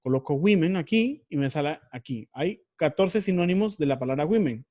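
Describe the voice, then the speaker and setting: A man's voice: fairly high pitch, expressive, moderate pace, darkish tone. A man teaching an online research class, explaining step by step and often repeating or correcting himself.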